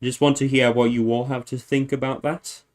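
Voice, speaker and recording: A man's voice: mid-range voice, little pitch movement, moderate pace. A man hosting a livestream, casually thinking aloud, often correcting himself and chuckling. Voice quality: meandering, self-correcting, chuckling. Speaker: livestream host.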